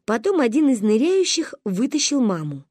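A woman reads a funny storybook aloud, her voice fairly high and very lively, swinging up and down as she tells it. The recording is close and dry, with no room sound. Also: normal speed, no room sound. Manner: lively, expressive telling. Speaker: audiobook narrator. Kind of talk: storybook narration.

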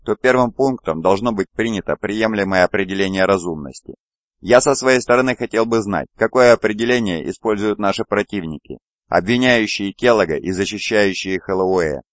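An argumentative lawyer presses his point in formal courtroom speech, low-voiced, read by a male narrator. Dry, slightly dull sound. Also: no room sound, lightly acted.

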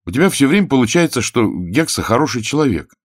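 A man's voice: medium pitch, big pitch swings, fast talker, voice pushed up. A man reading aloud and voicing a scheming boy who wheedles and lies in a storybook. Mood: sly. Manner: hasty, wheedling. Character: scheming boy playing a lying captive.

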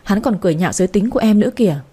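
For a storybook, a woman performs a crying, heartbroken young man who stammers and whimpers while rushing his tearful lines. She speaks at medium pitch, expressive and warm, with slight roughness.

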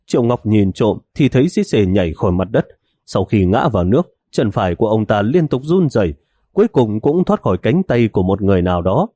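Male audiobook narrator, low voice, mellow tone, dry sound. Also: very animated, brisk, slightly rough, no echo. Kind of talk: scripted novel narration.

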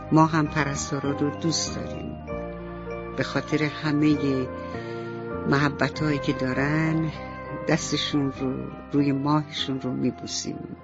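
A woman narrating a radio bedtime story, speaking directly and warmly to the children listening. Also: sits low, steady tone, pauses often. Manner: warm, addresses children directly. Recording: slightly dull radio recording, soft music behind.

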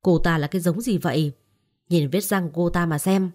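A woman's voice: fairly low pitch, normal speed, a little mellow, close to an everyday voice. A woman voicing a cold, short-tempered young husband in an audio story. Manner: curt, cold.

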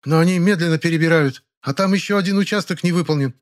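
A man's voice: a little high, fast, voice pushed up, close to an everyday voice. A man putting on a strict scolding office woman. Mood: defensive. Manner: sharp and indignant.

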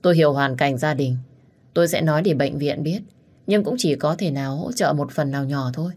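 A woman voicing a calm, matter-of-fact middle-aged doctor giving hard news. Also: low-pitched, brisk, slightly rough. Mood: grave.

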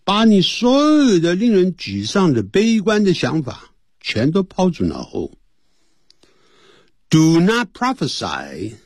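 A man teaching English on a radio lesson, explaining phrases in Chinese and reading English words slowly. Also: medium pitch, darkish tone, slightly rough, dry recording, clean studio sound. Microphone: studio mic.

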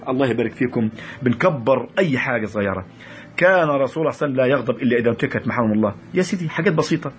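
A man with an Egyptian Arabic accent giving a lively religious lecture on marriage to a class, often repeating and restarting words. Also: medium pitch.

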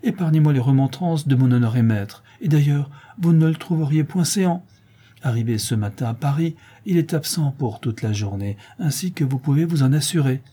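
A sly, obsequious steward, as a man reading a storybook puts him on, pleading with exaggerated humility. His voice is lifted higher and stays husky. He sounds all deference on the surface. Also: animated, normal speed, warm tone. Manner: pleading, humble, fawning. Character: wily, obsequious male house steward.

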